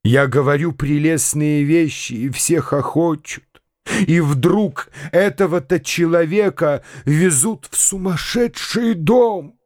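A man's voice: slow, a little mellow, dry recording, clean studio sound. A man doing a frail, frightened old prince. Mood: tearful rapture. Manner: trembling, pleading, raised pitch. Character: frail elderly prince, tearful, frightened, pleading. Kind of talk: radio drama reading.

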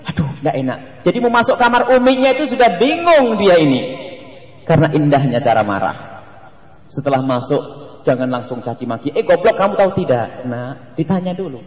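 Male preacher, higher voice, animated storytelling sermon; roomy hall reverb, lo-fi. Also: a little fast. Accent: Indonesian. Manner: animated, acts out family dialogue with shifting voices. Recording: echoey hall, dull lo-fi sound.

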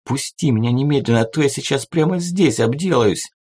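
A man's voice: mid-range voice, brisk, darkish tone, breathy edge, voice pushed up, lightly acted. A man voicing a cunning young woman who wheedles and purrs theatrically. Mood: pleading. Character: cunning young redheaded woman, sly schemer.

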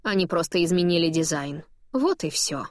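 A woman voicing a calm, unflappable older stepmother who speaks slowly and firmly. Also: fairly low pitch, no room sound, studio quality, lightly acted. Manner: slow, calm and firm.

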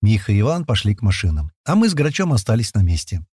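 A man narrates a first-person audiobook in a casual, colloquial manner. His pitch is animated and swings widely, while the recording is dry and close with no room sound. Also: quick pace, slightly rough, no echo. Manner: lively, colloquial storytelling.

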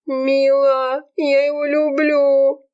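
A woman's voice: level tone, extremely slow, dull audio. A woman reading an audiobook, voicing a tearful young woman who sobs and wails as she talks about love. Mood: despairing. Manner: wailing, high and strained. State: sobbing. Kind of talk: audiobook character voice.

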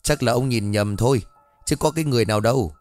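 A man voicing an anxious old wife who pleads quickly with her husband in a ghost story. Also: mid-range voice, darkish tone, faint music behind, lightly acted. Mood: reassuring.

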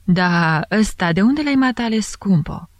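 A woman voicing a smug, flirtatious middle-aged police chief who coaxes and drops into hushed asides. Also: mid-range voice, animated, no echo, voice pushed up, natural voice. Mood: coaxing. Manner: sly coaxing, slipping into hushed asides.

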